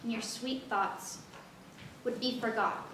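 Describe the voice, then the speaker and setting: A woman reciting a sonnet as a contestant, in a measured, dramatic delivery. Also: on the high side, steady tone, a bit bright. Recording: echoey hall, distant mic, faint noise.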